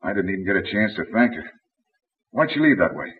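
An actor playing a rugged, resolute jungle hero in a 1940s radio serial, terse and commanding. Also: male voice, fairly low pitch, big pitch swings, a little fast, far from the mic. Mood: sober. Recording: muffled, noisy old radio recording.

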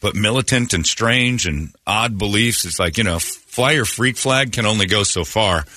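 A man's voice: fairly low pitch, normal speed, bright, forceful tone, no echo. A man hosting a radio talk show, giving blunt, opinionated rants in casual studio chat.

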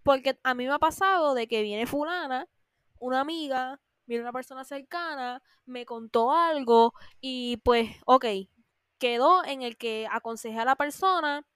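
A woman hosting a podcast, animated, acting out whiny friends in a higher voice. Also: measured pace, smooth, dry recording, studio quality. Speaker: podcast host. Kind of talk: casual monologue.

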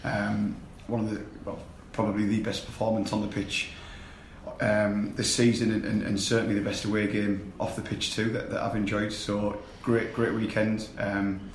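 Man, croaky voice, halting speech, low flat pitch, faint background hum. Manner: hesitant, repeats words, flat delivery. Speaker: podcast guest, football fan. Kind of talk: casual football podcast chat. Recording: echoey room with faint ambience.

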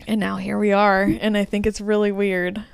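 A heavily pregnant woman in her late twenties, co-hosting a podcast in casual, rambling chat and quoting herself in lively asides. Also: medium pitch, normal speed, vocal fry, clean tone, no echo, clean studio sound. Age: 20s. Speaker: podcast co-host.

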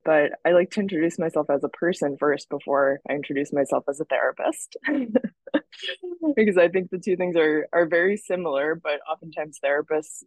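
Woman therapist from russia, chatty, laughs a lot, lowish voice, dry close sound. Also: fairly even intonation, fairly quick, no echo. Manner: chatty, laughs often, lots of fillers and restarts. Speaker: guest, therapist. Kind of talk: casual interview.

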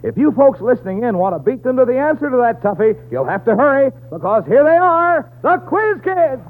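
Casting: American male old radio announcer, very high, swooping delivery, showy scripted billing, thin vintage broadcast sound. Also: sing-song, slight background noise. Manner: showy, drawn-out announcing of names. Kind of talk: 1940s old radio announcer, scripted sponsor reads and show introduction. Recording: tinny, band-limited 1940s radio broadcast.

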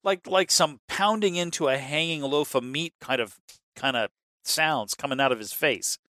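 A man's voice: on the high side, moderate pace, dry recording. A man co-hosting a casual movie chat, rambling and swearing as he tells scenes. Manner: rambling, profane, animated storytelling. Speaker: podcast co-host.

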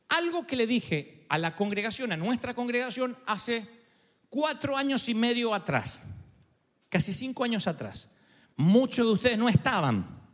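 Argentine male pastor, high tenor, sermon with quoted dialogue, reverberant sanctuary. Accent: Argentine Spanish. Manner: preaching, swinging between low intimate asides and loud climaxes. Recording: long hall reverb.

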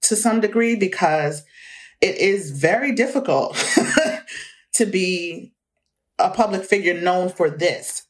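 A woman in her forties speaks as a guest in a candid conversational interview. Her lowish voice moves slowly with long pauses, reflective and earnest, yet she breaks easily into laughter.

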